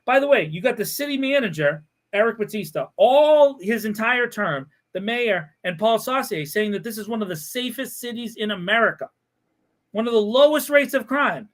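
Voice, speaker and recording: A man hosting a podcast, ranting in a sarcastic, animated way with frequent laughter. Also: high-pitched, moderate pace. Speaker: podcast host. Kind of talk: casual podcast chat.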